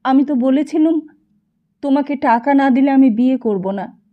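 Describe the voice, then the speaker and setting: A woman's voice: high-pitched, moderate pace, pitched above the performer's own voice, lightly acted. A woman voicing a sick, grieving young husband who pleads in a raised, agitated voice. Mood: anguished. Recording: slightly dull lo-fi recording.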